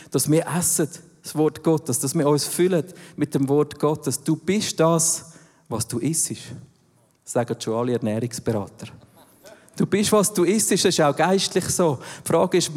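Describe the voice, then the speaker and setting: A man preaching with emphasis and asking his listeners direct questions. His voice sits fairly high, with a dark, mellow color. A long reverb of a large hall trails every phrase. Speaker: pastor. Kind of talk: sermon.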